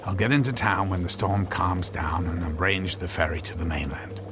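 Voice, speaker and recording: In a radio drama, a male actor plays an anxious, cautious husband who reluctantly invented a device, pleading in a hesitant, stammering, worried way. His voice is low and close to everyday speech, at a moderate pace, with background noise behind it.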